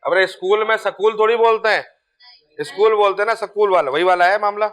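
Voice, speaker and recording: A man's voice: high voice, fast, fairly bright tone. A man teaching chemistry, talking casually and repeating key terms while checking that students follow. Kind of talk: board lecture.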